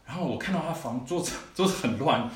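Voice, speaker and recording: A man's voice: on the high side, lively intonation, quick pace. A man tells a personal story from the pulpit, slipping into friendly asides to his listeners as he goes. His voice carries from some distance off the mic, ringing around an echoey hall with a faint hiss behind it. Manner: conversational storytelling, frequent "you know" asides. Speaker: preacher sharing testimony. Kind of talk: sermon testimony.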